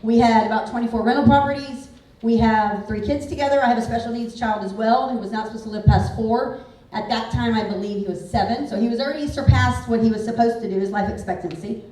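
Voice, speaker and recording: A woman in her forties gives a candid, conversational motivational talk, peppering it with "like." Her voice sits a little high. She is picked up from a distance in a very echoey hall. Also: quick pace, a little mellow. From Houston, Texas. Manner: candid, conversational, frequent "like" fillers. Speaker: real estate speaker. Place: large event hall.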